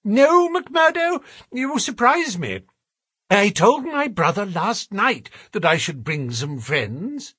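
A man voicing a fussy, anxious, genteel gentleman with a plaintive, fretful manner in an audiobook story. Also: big pitch swings, slow, husky, no room sound, clean studio sound, exaggerated voice. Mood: peeved, pleading. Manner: high-pitched, fretful, genteel phrasing.

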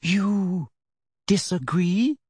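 A man voicing a prim, cold, middle-aged female teacher in a storybook reading, speaking slowly and softly with deliberate sweetness. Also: high-pitched, slightly rough, dry recording, studio quality, voice pushed up, heavily acted. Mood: icy. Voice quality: soft, deliberate, half-whispered.

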